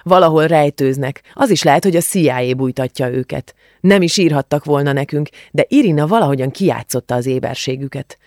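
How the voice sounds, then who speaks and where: A woman's voice: deep voice, hardly any pauses, a little mellow, no room sound. Cheeky, blunt teen girl, offhand delivery, dry close read, voiced by a woman. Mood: brisk, informative. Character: brash, cheeky teenage girl friend. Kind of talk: audiobook character reading.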